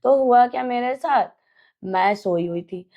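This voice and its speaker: Woman, young adult, casual storytelling, animated, acts out scenes, slightly high voice. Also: a little slow, lo-fi sound. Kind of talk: casual storytelling of a ghost experience.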